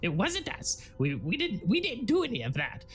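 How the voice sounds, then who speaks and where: A man's voice: sits high, wildly swooping pitch, normal speed, a bit bright, soft background music, pitched above the performer's own voice, full character voice. A man voicing a timid, frightened male goblin who stammers and pleads in a tabletop role-play. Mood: pleading.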